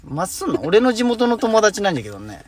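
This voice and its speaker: Young man with a high unbroken voice. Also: huge pitch swings, quick pace, a crowd in the background. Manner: chatty, dialect-heavy, laughs often. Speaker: radio show host. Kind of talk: casual podcast chat reading listener letters.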